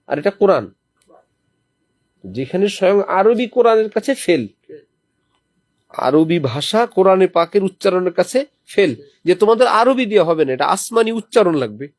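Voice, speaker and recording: A man whose voice sits high, with lively intonation and a darkish tone, preaches at a normal pace on a dry recording. Gathered with a small group in lodgings while visiting a holy city, he teaches through recited Quranic examples and asks his listeners questions.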